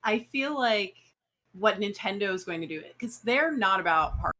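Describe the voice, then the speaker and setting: A woman's voice: medium pitch, animated, bright, forceful tone. A woman chatting casually on an online call, her voice choppy with word endings cut off by a noise gate. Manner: quick, loose talk full of fillers. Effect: choppy voice with endings cut off by an aggressive noise gate. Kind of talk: casual gaming chat. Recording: online call audio with faint background noise.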